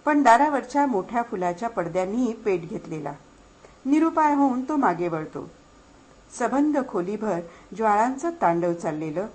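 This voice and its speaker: A woman with a slightly high voice reads a dark story aloud as an audiobook narrator. Her delivery is dramatic and expressive, dropping low and hushed, then rising urgent. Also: rough recording.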